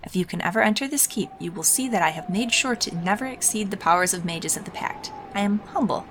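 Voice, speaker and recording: A woman's voice: medium pitch, lively intonation, quick pace, background noise, close to an everyday voice. A woman voicing a pompous male wizard advisor from a game, with solemn, theatrical, hammy stage delivery, falsely subservient. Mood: proud, servile. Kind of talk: video game dialogue read-aloud.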